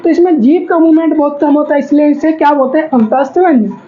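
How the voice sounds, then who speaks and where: Brief: high-pitched female teacher, repetitive syllable drills, slightly muffled audio with faint background noise. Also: quick pace. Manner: drills sounds aloud, asks class to repeat. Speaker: Hindi grammar teacher. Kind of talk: classroom lesson with drilled syllables.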